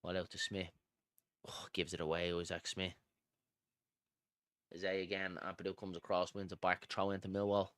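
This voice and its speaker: With a Dublin Irish accent and a low voice, this watchalong host mixes live football commentary with informal, friendly chat, calling viewers pal and buddy. He talks at normal speed in a level, fairly bright, clean tone with long pauses, recorded in a clean studio with no room sound.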